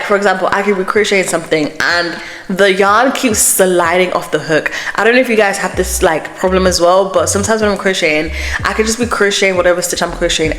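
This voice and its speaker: A woman's voice: on the low side, fairly bright tone. Chatty woman vlogger drenched in echo. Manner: chatty, fills speech with "like", reads from notes. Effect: echo effect from the microphone setting. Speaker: crochet vlogger. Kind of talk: casual podcast-style chat. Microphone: home microphone. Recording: echoey, reverb-heavy mic audio.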